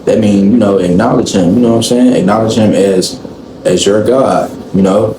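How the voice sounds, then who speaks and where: A man in his twenties hosting a casual podcast chat, explaining things slowly and often asking "you know what I'm saying". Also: fairly low pitch, fairly even intonation, warm tone. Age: 20s. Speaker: podcast host. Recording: echoey room, faint room noise.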